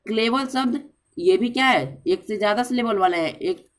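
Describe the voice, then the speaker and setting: Female teacher, mid-pitched, patient explanatory delivery with frequent check-ins. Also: moderate pace. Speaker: grammar teacher. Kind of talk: explanatory lesson.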